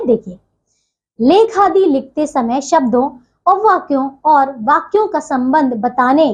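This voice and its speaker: High-voiced woman teaching children grammar. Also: darkish tone, lo-fi sound. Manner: patient, repeats "theek hai bachchon" constantly. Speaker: school Hindi teacher. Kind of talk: online grammar lesson for children.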